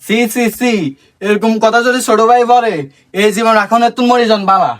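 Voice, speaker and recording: A man's voice: very high voice, steady tone, moderate pace. A man with a regional Bangladeshi Bengali accent playing a sly older meddler in a comedy skit, goading and repeating himself.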